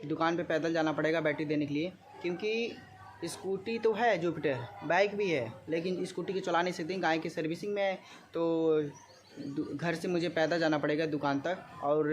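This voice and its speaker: A Gorakhpur-born vlogger with an eastern Uttar Pradesh accent addresses his viewers casually, going over points repeatedly and regularly checking in with them. His pitch is fairly high, his tone steady, and he speaks at a normal speed. The homemade vlog audio carries ambience and is clearly noisy.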